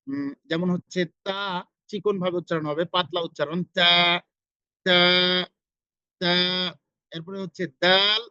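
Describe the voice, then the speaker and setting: A man with a Bangladeshi Bengali accent teaching Quran pronunciation, saying each letter over and over, slow and patient. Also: high voice, sharp tone, no echo, lo-fi sound. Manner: slow, repeats each sound several times. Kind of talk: pronunciation lesson.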